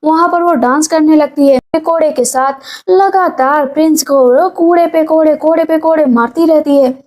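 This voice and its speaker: A woman's voice: high voice, normal speed, a little mellow. A woman narrating a casual recap of a drama's plot, chatty and full of fillers. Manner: chatty, filler-laden retelling.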